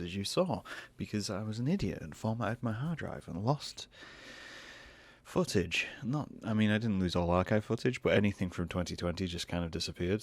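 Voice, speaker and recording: A Northern English man, a podcast host and artist, records a laid-back solo show on a desk mic close to his mouth. His voice is very low, gravelly and creaky, hoarse and croaky at the moment, and he rambles, restarting sentences with self-deprecation. The recording is dry.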